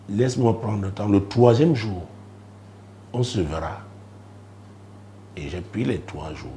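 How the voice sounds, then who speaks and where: A low, mellow male preacher from Cameroon tells a testimony on a broadcast show. He tells it as a story, rising dramatically and dropping into hushed asides. A faint hum runs behind his voice. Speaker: apostle and preacher.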